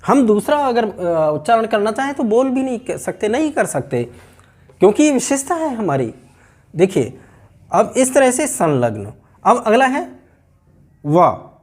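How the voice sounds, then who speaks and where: A man teaching Hindi grammar in a slow, deliberate way, repeating points to explain them. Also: high-pitched, very animated, darkish tone. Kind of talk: explanatory lesson.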